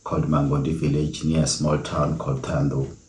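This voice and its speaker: A middle-aged South African man hosting a solo podcast, telling his story in an earnest, reflective way with many pauses. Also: a bass voice, level tone, a little mellow. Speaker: podcast host. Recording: echoey room.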